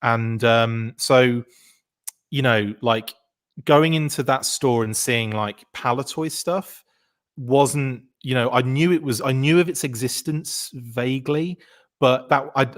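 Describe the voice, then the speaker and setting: Rambling man, podcast guest. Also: mid-range voice. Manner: rambling, full of fillers and restarts. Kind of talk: casual chat.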